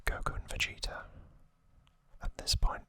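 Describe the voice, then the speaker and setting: Close to the mic, a trivia-focused ASMR host whispers without voicing, breathy and slow. Taking an unhurried approach, the host walks through an anime saga and softly repeats words for effect.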